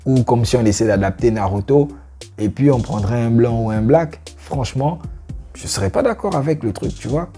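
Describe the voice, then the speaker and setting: Soft music plays behind a young man's medium-pitched, dark-toned voice, which moves with lively intonation at a normal pace. Hosting a reaction channel on YouTube, he gives his take directly to viewers in a chatty, filler-heavy vlog.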